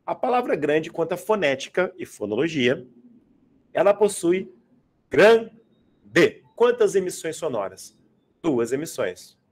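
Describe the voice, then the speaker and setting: A man's voice: on the high side, sing-song, moderate pace. Casual, slangy Portuguese teacher man. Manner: casual, slangy, asks students to confirm often. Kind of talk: live exam-prep grammar class. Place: classroom. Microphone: adjustable microphone.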